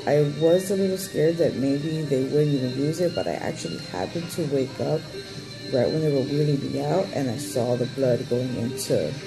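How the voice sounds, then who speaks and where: A woman's voice: extremely low pitch, normal speed, over music, low-quality recording. A woman in her thirties giving a personal update in casual chat, candid and blunt, rambling and swearing freely. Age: 30s. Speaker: vlogger giving a surgery update.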